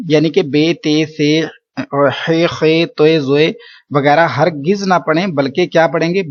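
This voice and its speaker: Male recitation teacher, slightly high-pitched, patient and repetitive delivery, muffled lo-fi recording. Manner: patient, repeats points with "theek hai". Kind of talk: explanatory lesson.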